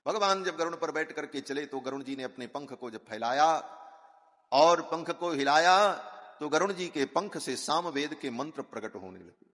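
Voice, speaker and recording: Guy preaching a devotional story, chants sanskrit bits, calls everyone maharaj, voice a bit high. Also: lively intonation, normal speed, a bit bright. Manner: recites Sanskrit verses and addresses listeners as Maharaj. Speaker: katha preacher. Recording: long hall reverb.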